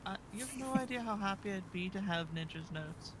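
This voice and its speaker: A tabletop player in casual chat, excitable and joking with frequent swearing. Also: mid-range voice, a little fast, over a noisy crowd, rough recording.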